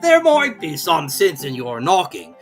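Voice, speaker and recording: A woman's voice: sits low, huge pitch swings, soft background music, voice pushed up, heavily acted. Woman doing an aloof, lilting footman creature. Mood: matter-of-fact. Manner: deliberate, oblivious, matter-of-fact. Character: aloof, dim, unhelpful male footman creature.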